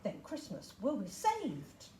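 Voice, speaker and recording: A woman's voice: medium pitch, wildly swooping pitch, slow pace, warm tone, slight background noise. Santa Claus, read by a woman. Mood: worried. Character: jolly, grateful Santa Claus. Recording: roomy echo.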